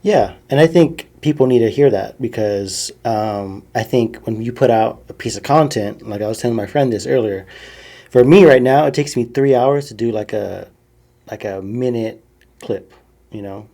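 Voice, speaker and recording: A man hosting a podcast in relaxed interview chat, his phrases often trailing off softly. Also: mid-range voice, normal speed. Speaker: podcast host.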